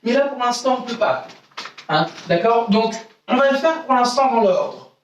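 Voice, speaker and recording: High-voiced karate teacher in an echoey room. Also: male voice, animated, moderate pace, lo-fi sound, slight background noise. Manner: counts out exercises, repeats "d'accord?". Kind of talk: online kids' karate class. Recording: echoey room, voice from mic distance.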